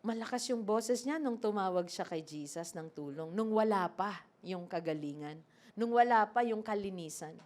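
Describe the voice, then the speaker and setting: A woman preacher giving a lively sermon, acting out scripture and asking the congregation questions. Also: medium pitch, normal speed. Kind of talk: sermon mixing Tagalog and English.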